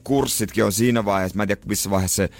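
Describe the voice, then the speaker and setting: A man co-hosting a morning radio show in casual banter, his voice rough and husky from a sore throat, talking loosely with many restarts. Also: fairly low pitch, steady tone.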